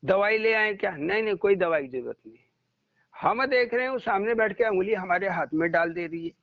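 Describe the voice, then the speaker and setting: A man's voice: high-pitched, animated, brisk, dry recording. A man giving a devotional satsang talk, telling stories and acting out the dialogue in them. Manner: storytelling, acting out quoted dialogue. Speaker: spiritual teacher. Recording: muffled lo-fi recording.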